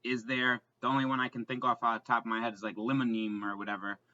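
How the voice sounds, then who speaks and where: A man's voice: mid-range voice, level tone, quick pace, sharp tone, dull audio. A man co-hosting a podcast in casual chat, rambling with lots of fillers and restarts. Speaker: podcast co-host.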